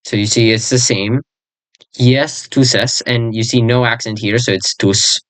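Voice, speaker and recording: Someone teaches an invented language in a casual, rambling way, groping for words, correcting themselves, and repeating terms slowly. The voice sits in the mid range with fairly even intonation, and the recording is dry.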